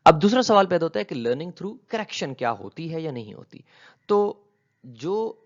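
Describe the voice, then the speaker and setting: A man's voice: a little high, very animated. A man teaching linguistics in a video lecture, mixing English terms into his explanations and posing questions he then answers. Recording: slightly dull lo-fi audio.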